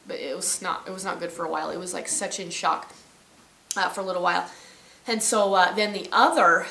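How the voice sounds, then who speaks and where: A woman's voice: medium pitch, pushed and bright, roomy sound. A woman vlogging from her ranch, telling a story casually and rambling, often correcting herself. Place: outdoors on a ranch.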